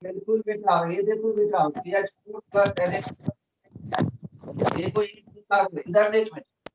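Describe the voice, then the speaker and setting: Guy teaching chem on a video call, kinda high voice, sounds echoey and dull. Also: level tone, unhurried, very noisy. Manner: patient, calls students "beta" constantly. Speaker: chemistry teacher. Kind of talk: online class lesson. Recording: roomy, muffled online call audio.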